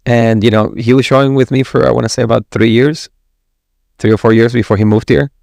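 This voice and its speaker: A man's voice: medium pitch, quick pace, creaky, dry recording, clean studio sound. A man from Ecuador, a gallery director, chatting casually as a podcast guest, rambling with restarts. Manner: relaxed, rambling, with many restarts. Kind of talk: casual interview chat.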